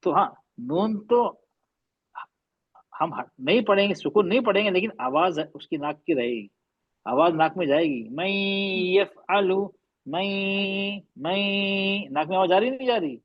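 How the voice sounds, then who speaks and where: A man teaching a recitation class, patiently explaining and slowly drawing out and repeating recited words. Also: high voice, expressive, no room sound, muffled recording.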